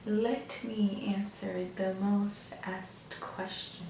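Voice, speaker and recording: A young woman chatting casually in a monotone, low-key way, like a get-ready-with-me beauty vlogger. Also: drawn-out words, creaky, distant mic. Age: young adult. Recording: echoey room, off mic, faint noise.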